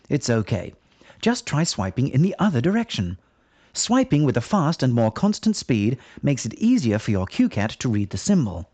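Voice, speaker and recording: Warm, medium-pitched and slightly rough, a man's voice reads through a scripted installation tutorial as the narrator of an instructional video. He is chatty and reassuring while explaining each step. There's no room sound, but the audio is dull and muffled.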